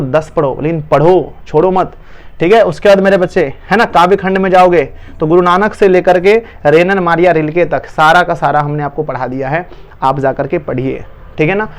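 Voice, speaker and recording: A male online tutor with a Bihari Hindi accent, giving an urgent, coaxing exam-prep lesson to students. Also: a little high.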